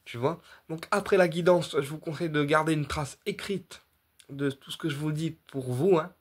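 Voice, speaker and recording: A man's voice: fairly high pitch, moderate pace, slightly rough. Rambling man. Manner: rambling, repeats himself, many fillers and restarts; addresses viewers directly, checking in with "d'accord". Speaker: medium offering paid readings. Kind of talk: casual direct-to-camera explanation.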